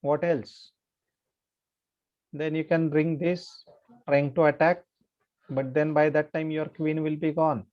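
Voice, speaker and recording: A man, coaching kids at chess and thinking out loud patiently, asking "okay?" as he goes. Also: fairly high pitch, level tone, slow pace, long pauses, muffled recording. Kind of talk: online chess lesson to kids.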